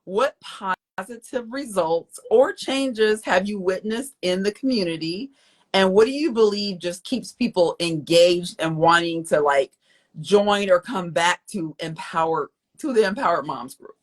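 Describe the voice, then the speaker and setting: A woman's voice: medium pitch, measured pace. A woman hosting a podcast interview, encouraging her listeners and speaking to them directly. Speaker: podcast host. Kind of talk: casual interview chat.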